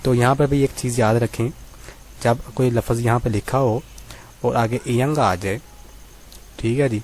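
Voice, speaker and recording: A man teaching a Korean reading lesson, reading sentences slowly and repeating them, then asking and answering his own questions politely. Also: medium pitch, fairly even intonation, a little mellow. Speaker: language teacher.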